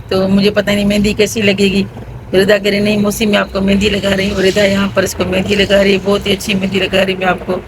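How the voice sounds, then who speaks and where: A woman's voice: medium pitch, background noise. Chatty woman vlogging at home. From Pakistan. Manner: chatty, narrating what family members are doing. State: headache, low energy. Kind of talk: casual home vlog narration.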